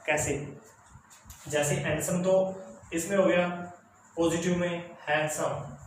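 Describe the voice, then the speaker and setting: A man teaches an English grammar lesson, explaining patiently and repeating key words for his students. His voice sits high for a man. The room rings with heavy echo over a faint background hiss.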